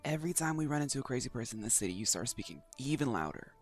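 A woman's voice: extremely low pitch, animated, racing. A woman giving casual, theatrical game commentary, full of playful jokey asides. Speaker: game streamer. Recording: game music behind the voice.

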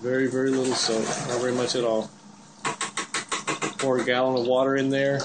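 A man films a demo in his home kitchen as the channel host, casually narrating each step and laughing a little now and then. His medium-pitched voice stays fairly flat and runs a little fast. The handheld camera mic picks up heavy background noise.

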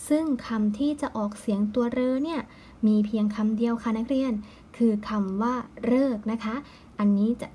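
Patient woman teacher with a mellow voice. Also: fairly high pitch, slight background noise. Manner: patient, slow, ends phrases with polite particles. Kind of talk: recorded classroom lesson.

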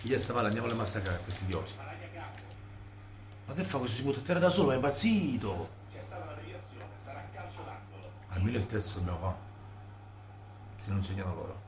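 A man's voice: on the low side, very animated, quick pace, pauses often. A man talking emphatically and casually while playing a football video game. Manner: emphatic, exclamatory Italian delivery. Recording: echoey room with game crowd noise. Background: football game crowd.

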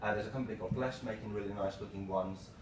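A man gives a casual slide talk in a low-pitched voice, speaking in short, broken phrases. He is picked up from across a small meeting room, with plenty of room reflection and clearly audible noise. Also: fairly even intonation, fast. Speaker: tech presenter, developer. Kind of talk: informal slide presentation, lightning talk. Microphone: far camera microphone. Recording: roomy, distant mic with clear background noise.

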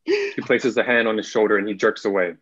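With big swings in pitch around a fairly low voice, a young man briskly reads screenplay stage directions as narrator, his tone fairly bright. The muffled audio comes through a computer mic on a video call from an indoor room.

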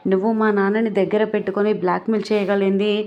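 A woman's voice: medium pitch, flat delivery, racing, lo-fi sound, lightly acted. A woman voicing a defiant young woman who threatens and taunts her rival. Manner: taunting, confrontational.

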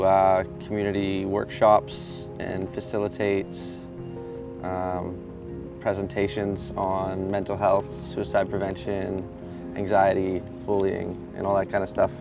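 A man with a deep, gravelly voice talks earnestly about his work in an interview. His delivery stays flat and steady while a clear music bed plays under him. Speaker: hip hop artist. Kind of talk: interview talk. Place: outdoor steps.

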